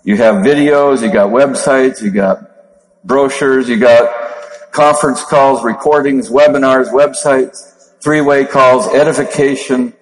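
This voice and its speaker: A middle-pitched man in his fifties with a Minnesota accent, talking in a steady monotone as he coaches a seminar crowd. His voice rings out with a long hall reverb, as if he is speaking in a large room. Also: unhurried, faint music behind. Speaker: network marketing trainer. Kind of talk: motivational seminar talk.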